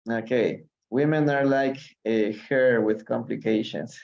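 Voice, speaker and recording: A man teaching English in a live-streamed reading lesson, reading lines slowly and explaining them in Spanish. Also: mid-range voice, steady tone, gravelly, a little mellow. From Peru. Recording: dull lo-fi sound.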